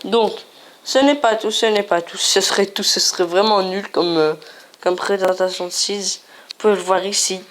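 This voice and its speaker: A woman's voice: mid-range voice, normal speed. A woman hosting a casual game video, chatty and playful, often repeating herself as she shows things on screen. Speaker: gaming video host.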